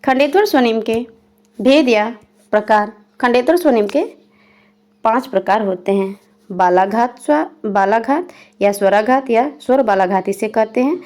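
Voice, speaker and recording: Teaching Hindi grammar for exam prep, a young woman reads definitions and then explains each again simply, taking examples one by one. Her voice is on the high side with a darkish tone, and her pace is moderate.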